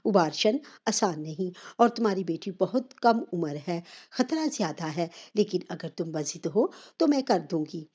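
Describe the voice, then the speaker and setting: A woman's voice: fairly low pitch, expressive, hardly any pauses, warm tone, slightly rough, highs cut off. A woman voicing a blunt female doctor who speaks in a cold, stern tone.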